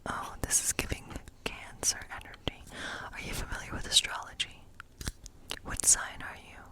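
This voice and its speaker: Whispering in a soft, breathy, leisurely way, a woman acts out an ASMR scene as a friendly witch from the woods. She reads tarot with a reflective, soothing air.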